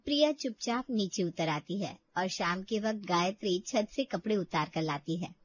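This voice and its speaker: A woman narrating a cartoon storybook in a plain, even manner. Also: medium pitch, moderate pace, muffled recording, slight background noise.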